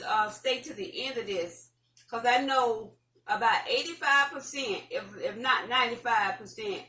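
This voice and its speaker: Folksy, rambling advice pours from a middle-aged woman with a Southern American accent who hosts an online talk show and chats casually with viewers. Her tone is a little high, bright, and forceful. Faint noise and a distant mic give the recording a roomy feel.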